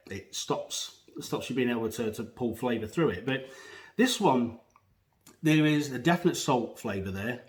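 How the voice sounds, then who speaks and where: A man giving a casual, unscripted product review in a hesitant, rambling way, talking with a pouch tucked under his lip. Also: mid-range voice. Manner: hesitant, rambling, self-correcting. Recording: echoey room.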